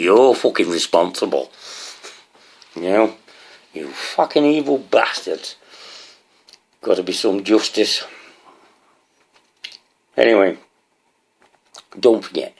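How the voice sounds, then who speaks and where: A man's voice: low-pitched, takes it slowly, creaky, long pauses, slightly rough. A man rambling to his viewers in a swearing, ranting monologue, often asking them questions. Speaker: vlogger.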